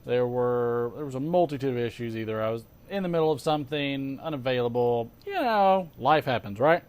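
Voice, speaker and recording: A man hosting a casual show, chatting as an animated storyteller with sarcastic asides, emphatic repetition and rhetorical questions. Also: mid-range voice, a little fast, smooth. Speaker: host of a pipe-smoking show. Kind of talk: casual chat.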